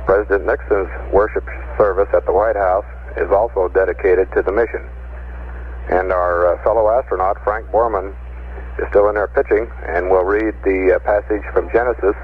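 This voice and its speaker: A man at mission control reads news briefs over a crackling space radio link. His voice sits low and comes through thin and phone-like, with faint hiss behind it. He talks plainly, pausing on uh fillers. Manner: plain, matter-of-fact reading with frequent uh fillers. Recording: tinny, hissy archival radio transmission.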